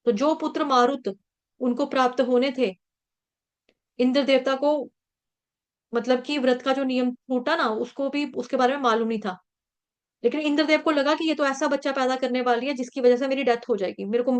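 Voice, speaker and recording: High-voiced woman teaching scripture. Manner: explains with story, chants Sanskrit verses slowly. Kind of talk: devotional scripture class storytelling.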